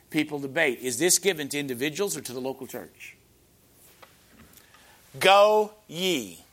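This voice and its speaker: Middle-aged guy preaching, punchy, keeps answering objections, gets loud on the big points. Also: mid-range voice. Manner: emphatic, rising to loud peaks on key points; rhetorical, answers imagined objections. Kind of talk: sermon.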